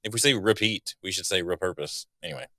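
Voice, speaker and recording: A man's voice: fairly low pitch, rapid-fire, creaky, sharp tone, a little hiss or hum. A man with a Southern US accent co-hosting a podcast, chatting in a laid-back, joking way. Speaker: podcast co-host. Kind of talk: casual podcast chat.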